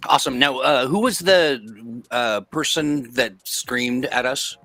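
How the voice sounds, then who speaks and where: A man's voice: mid-range voice, slow pace, bright, forceful tone, no echo. A man playing a tabletop game casually, thinking aloud and feeling his way through his moves. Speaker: game player.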